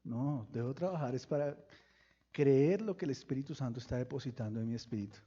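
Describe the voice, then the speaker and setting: A pastor preaching a sermon, firing questions at the congregation and breaking into sudden loud bursts. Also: male voice, medium pitch, animated, brisk, slightly rough, muffled recording. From Colombia.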